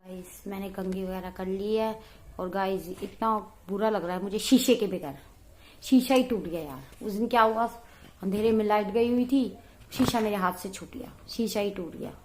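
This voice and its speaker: A young woman chatting casually to her viewers in a home vlog, talkative and quick to laugh. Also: medium pitch, a little mellow, slight background noise. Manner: chatty, laughs often, addresses viewers as guys. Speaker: vlogger. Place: home, indoors.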